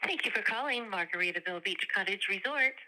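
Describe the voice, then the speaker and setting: Woman, recorded phone greeting over a landline, bright edgy tone, lively inflection, formal scripted read. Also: mid-range voice, fast talker, slight background noise, rough recording. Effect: heard faintly over a landline phone. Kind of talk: automated phone message.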